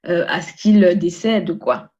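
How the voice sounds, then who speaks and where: A woman hosting a podcast who runs the segments and teases her guests in lively, casual talk. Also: on the low side, measured pace, dull audio. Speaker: host. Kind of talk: casual chat.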